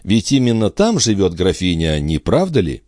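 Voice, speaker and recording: A man's voice: low voice, huge pitch swings, normal speed, a little mellow, dry recording, studio quality. A man voicing an anguished queen in love in an audiobook, speaking in a breathless, pleading way. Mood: strained. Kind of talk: audiobook character voice.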